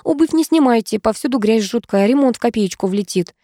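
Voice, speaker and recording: A woman's voice: fairly high pitch, expressive, brisk, warm tone, dry recording, studio quality, voice pushed up. A woman voicing a brash, stingy young woman who blurts out her words in a rush and sounds scornful. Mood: blurting.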